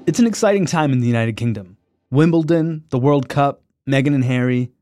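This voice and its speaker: A man's voice: mid-range voice, brisk, loud music behind the voice. A man hosting a podcast in a conversational, scripted narrating style. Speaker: podcast host.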